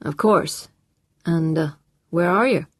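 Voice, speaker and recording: A woman's voice: fairly low pitch, takes it slowly, dry recording, clean studio sound. A woman voicing a cool, guarded man who answers in clipped, polite phrases. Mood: polite, wary. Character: cool, guarded adult man under threat.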